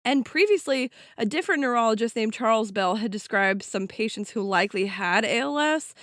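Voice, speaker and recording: A woman's voice: a little high, lively intonation, fairly quick, a bit bright, dry recording, clean studio sound. A woman co-hosting a podcast, explaining science in a casual, chatty way with some swearing. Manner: casual, swears, laughs often. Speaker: podcast co-host.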